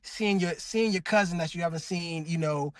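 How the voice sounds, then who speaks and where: He's a cartoon voice actor chatting as an interview guest, his tone fairly bright and his speed normal, though he says his own voice is really deep. His casual, effusive talk is full of "like" and restarts.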